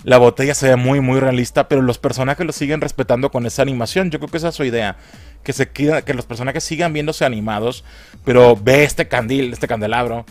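A man's voice: medium pitch, brisk, no echo. A man giving casual, swearing, laughing commentary as a film trailer reviewer.

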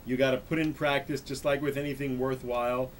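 Male host, 30s, average pitch, relaxed interview chat recorded indoors, slight background rumble. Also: brisk. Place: small furnished room, indoors.

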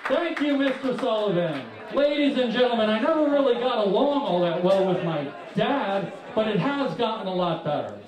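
A man's voice: high-pitched, animated, moderate pace, few pauses. A man hosting a comedy show on stage, addressing the audience in theatrical emcee patter. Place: small dark club stage, indoors. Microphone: handheld stage microphone, captured by a far camera. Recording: echoey club PA from far off, crowd noise.

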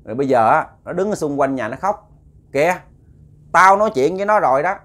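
A stern old woman's spirit speaks through a possessed woman in a storytelling tale, as a male narrator puts her on. She scolds bluntly and loudly, with a Southern Vietnamese accent and a voice pitched higher than the teller's own. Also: lively intonation, fairly quick. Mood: scolding.

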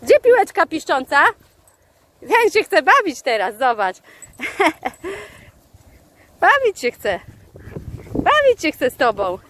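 A woman talking to her dogs outdoors in the fields, in a sing-song baby-talk voice, calling out commands and squealing with excitement. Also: sits high, slow pace, long pauses, no echo. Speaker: dog owner vlogger.

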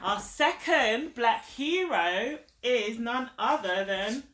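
Animated and slow, a woman in her thirties with a fairly high voice reads a picture book to a child, cheering them on and keeping explanations simple. She's on a living room sofa indoors, and the camera a step or two away yields an echoey, distant, very noisy recording.

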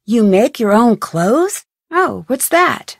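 Giving a full character voice, a woman plays a friendly, curious young amateur detective in a video game's scripted dialogue and tutorial narration. Her fairly high voice is gravelly with big pitch swings, she takes it slowly in an upbeat, conversational way, and the studio sound is clean with no echo.

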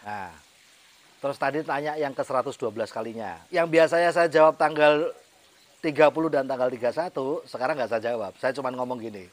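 A man's voice: medium pitch, a little fast, a little hiss or hum. A middle-aged man telling a personal story in a vlog, chatty and motivational, laughing often. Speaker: network marketing team leader.

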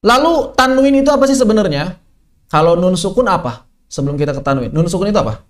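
A man from West Java's Sundanese region leads an online tajwid class in a high, bright voice. He teaches in a lively, joking way, tossing rhetorical questions at his students and laughing along with them. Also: fast talker. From Sundanese region of West Java, Indonesia. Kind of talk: online Quran recitation lesson. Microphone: online class microphone.

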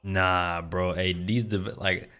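A young American man giving casual, slangy, excitable commentary as he plays a video game. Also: sits low, slow. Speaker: gaming content creator. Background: video game music.

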